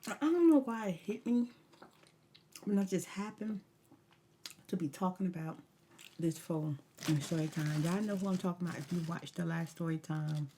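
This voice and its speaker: A woman's voice: on the low side, normal speed, pauses often, warm tone, a little hiss or hum. A woman ASMR vlogger rambling through a casual story time, talking candidly and emphatically with slangy asides and advice.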